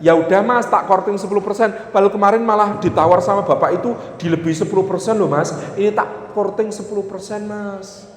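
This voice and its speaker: A woman's voice: medium pitch, fairly quick, close to an everyday voice. A man voicing an eager older woman, pushing a house sale in a chatty, insistent way, in an echoey hall.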